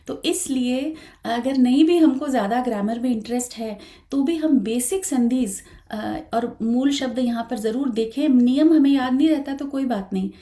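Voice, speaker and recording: Woman chanting teacher, unhurried, careful with every letter, warm high voice. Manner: slow, careful explanation with frequent hesitations; switches between talk and slow sung chanting. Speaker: Sanskrit recitation teacher. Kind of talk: online chanting lesson.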